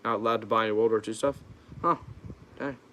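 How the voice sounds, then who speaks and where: A man's voice: fairly low pitch, fairly even intonation, brisk, a bit bright, a little hiss or hum. A young American man hosting a casual livestream Q&A, informal and hesitant, reading questions out and answering them off the cuff. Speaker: YouTube channel host.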